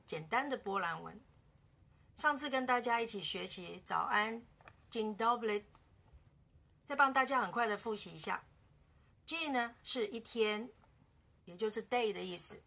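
Woman language teacher, bright and a bit gravelly, casual beginner lesson, repeats words slowly. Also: medium pitch.

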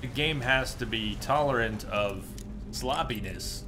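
A man in his thirties hosts a video game livestream, musing casually and chatting with viewers between remarks about the game. His voice is medium-pitched and a little slow. Game ambience is clearly audible in the background.

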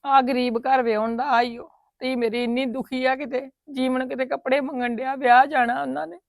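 A woman's voice: sits high, little pitch movement, moderate pace, creaky, dry recording, studio quality. A woman playing a worried mother who laments her daughter's troubles in a tearful, sorrowful way. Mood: lamenting. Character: worried middle-aged mother, sorrowful and protective. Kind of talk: family web drama acting.

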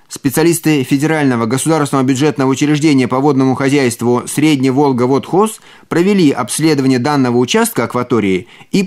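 A male journalist reading a regional news item in an even, formal manner. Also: mid-range voice.

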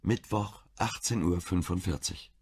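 A man reading a German crime audiobook in a calm, measured way. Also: low voice, breathy edge. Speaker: audiobook narrator. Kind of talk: scripted narration.

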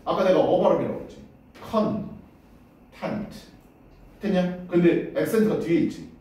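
Male English teacher, casual drilling style, high animated pitch, echoey distant room recording. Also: fast. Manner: casual, drills words aloud, asks "됐냐?" often. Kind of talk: classroom pronunciation lesson. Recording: roomy echo, voice far from the mic.

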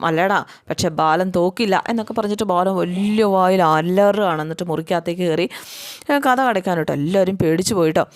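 A woman casually retelling a TV serial episode in an animated, chatty way, full of little fillers. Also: fairly low pitch, fast talker. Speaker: storyteller recapping a TV serial.

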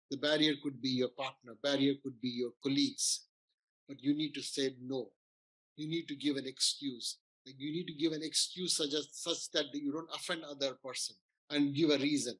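A man's voice: a little high, a bit bright, low-quality recording. A middle-aged man, a doctor, giving a casual, earnest talk on weight loss, explaining with frequent restarts. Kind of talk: informal health talk.

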